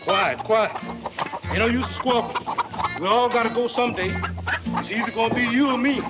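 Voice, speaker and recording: An actor playing a slangy, wisecracking carnival hand with ungrammatical diction in a 1940s film comedy. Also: male voice, very high-pitched, normal speed. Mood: wry. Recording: dull old film soundtrack, loud music behind.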